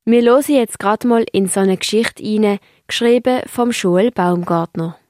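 A woman's voice: mid-range voice, moderate pace, a little mellow, no room sound, clean studio sound. A woman with a Swiss German accent presenting a radio program and introducing student stories. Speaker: radio host.

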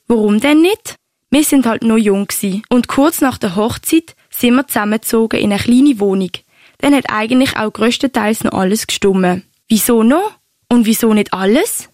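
A fond Swiss grandmother, played by a woman, telling her love story bashfully and warmly in a Swiss German accent. The voice sits fairly high, and the recording is very dry and close. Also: dry recording, close to an everyday voice. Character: warm chatty Swiss grandmother recalling romance. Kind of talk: amateur audio drama.

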